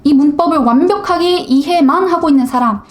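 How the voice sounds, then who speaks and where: A woman's voice: high-pitched, brisk. A woman YouTuber giving a casual lesson on English listening, speaking straight to her viewers and mimicking English pronunciations to compare them.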